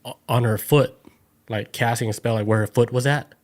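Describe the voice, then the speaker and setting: A man co-hosting a casual podcast, spinning a story loosely and dropping "like" between every phrase. His voice sits at an ordinary middle pitch, and he slips into quick put-on voices for the people in his tale. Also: fairly even intonation. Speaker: podcast co-host. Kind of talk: casual chat.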